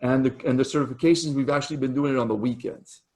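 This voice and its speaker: A man's voice: mid-range voice, steady tone, fast talker, darkish tone. Man hosting a casual video meetup. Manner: chatty, with fillers and self-corrections. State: losing his voice. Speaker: meetup host. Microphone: video call.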